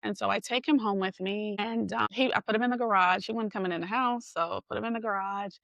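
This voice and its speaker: A woman hosting a podcast, telling a personal story in a casual, chatty way and acting out quoted dialogue in a higher voice. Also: fairly even intonation, fast talker, vocal fry, fairly bright tone, dry recording. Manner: conversational, with many fillers like "like" and "you know". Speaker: podcast host and golf coach.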